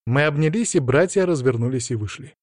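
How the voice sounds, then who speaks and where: A man narrating a story in the first person in a steady, measured way. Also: mid-range voice, dry recording, studio quality.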